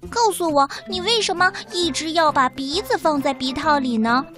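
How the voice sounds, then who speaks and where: A woman's voice: high-pitched, lively intonation, moderate pace, music in the background, voice pushed up. A woman voicing a curious, nosy young male piglet in a storybook reading, asking eager, prying questions.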